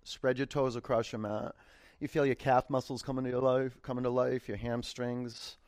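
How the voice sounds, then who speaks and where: Male yoga instructor, encouraging and unhurried, gentle repeated cues, dry sound. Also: medium pitch, flat delivery, no room sound. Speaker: yoga teacher. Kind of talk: guided yoga class instruction.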